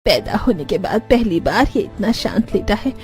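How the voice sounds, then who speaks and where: A woman voicing a gentle, devout young village mother who coos tenderly in a cartoon story. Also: medium pitch, animated, moderate pace, faint music behind, close to an everyday voice. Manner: tender, cooing.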